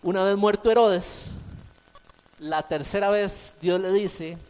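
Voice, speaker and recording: Emphatic male preacher, fairly high voice. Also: steady tone, takes it slowly, smooth. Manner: dynamic preaching, swinging between emphatic and soft; repeats key phrases for emphasis. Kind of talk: sermon.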